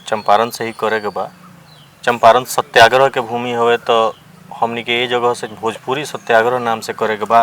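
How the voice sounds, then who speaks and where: A man's voice: mid-range voice, sharp tone, slight background noise. Earnest young man with a Bhojpuri accent. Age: young adult. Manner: earnest, explains folk lyrics line by line. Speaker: guest writer and folk singer. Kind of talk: interview talk with sung folk verses.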